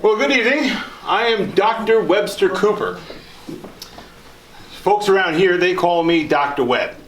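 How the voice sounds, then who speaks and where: In an echoey room, a man acts out a genteel country doctor from the 1800s, pitched on the high side for a man. He delivers a folksy, theatrical monologue straight to his listeners, his voice swinging widely in pitch. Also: animated, a little slow, a bit bright, slight background noise. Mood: genial, proud. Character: genteel 19th-century country doctor, proud, reminiscing, later grieving. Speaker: costumed tour performer. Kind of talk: in-character historical monologue to a live group. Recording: echoey room, live performance.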